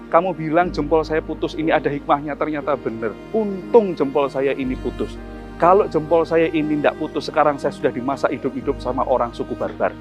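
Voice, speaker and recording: A man's voice: a little high, voice pushed up, lightly acted. A man voicing a hot-tempered king in a told story, speaking in a raised, indignant, pleading tone. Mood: apologetic.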